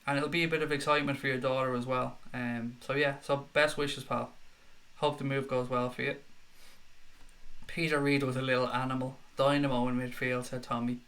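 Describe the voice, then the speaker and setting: Dublin Irish male stream host, mid-pitched, slight head cold, chatty and matey, reads out fan messages. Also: flat delivery, a little fast, fairly bright tone. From Dublin, Ireland. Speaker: live stream host reading viewer comments. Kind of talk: casual live-stream chat.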